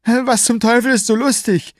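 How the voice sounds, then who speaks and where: A man reading aloud and voicing a boastful, vicious young male killer in a shrill, hissing voice. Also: fairly even intonation, moderate pace, no room sound, clean studio sound. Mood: enraged.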